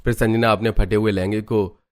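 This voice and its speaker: A man narrating a Hindi family cartoon story in a steady storytelling manner. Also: on the low side, moderate pace.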